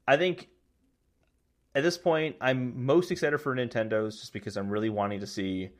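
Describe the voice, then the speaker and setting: A man's voice: mid-range voice, moderate pace. A man co-hosting a casual gaming podcast, talking eagerly and correcting himself as he goes. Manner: rambling, self-correcting, excitable. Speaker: podcast co-host.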